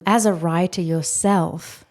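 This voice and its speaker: A woman hosts a podcast interview and asks questions with thoughtful, gentle phrasing. She speaks unhurriedly and at length, in a warm, mellow tone that sits slightly low. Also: steady tone, takes it slowly. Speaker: podcast host.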